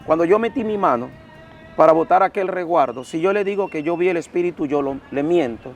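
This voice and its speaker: A man's voice: on the high side, expressive, brisk. A man, a pastor, telling a dramatic personal testimony to an interviewer, his voice swelling and dropping with emotion. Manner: intense, dramatic storytelling that swells and drops.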